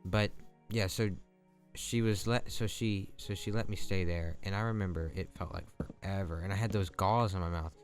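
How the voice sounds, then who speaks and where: A young man who hosts a gaming channel tells a long, rambling, chatty story while playing a game, his voice sitting low at a moderate pace. Background music plays underneath.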